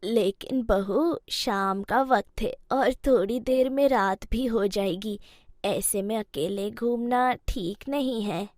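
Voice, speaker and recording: Cartoon role: elderly mother-in-law, voiced by a woman, slow and scolding, bone-dry sound. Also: fairly high pitch, darkish tone, no echo, voice pushed down. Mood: stern, gentle. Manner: slow, scolding, then soothing. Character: stern but caring old Indian mother-in-law. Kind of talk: cartoon storybook voice acting.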